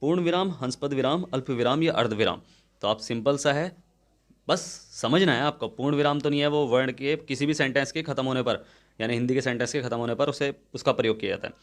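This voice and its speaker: A man's voice: mid-range voice, fast. A young man teaching a Hindi grammar exam-prep lesson, talking students through each question step by step and often checking that they follow.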